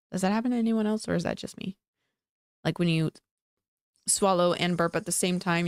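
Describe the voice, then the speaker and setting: A woman's voice: on the low side, clean tone, dry recording, clean studio sound. A young adult woman streamer with the hiccups, chatting casually and a little exasperated to her viewers. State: has the hiccups.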